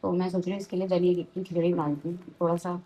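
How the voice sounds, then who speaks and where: A woman's voice: fairly low pitch, flat delivery, fast talker, dark tone. A young woman from Uttarakhand, India, chatting casually in a home vlog and now and then scolding her small son. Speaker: vlogger. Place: home, indoors.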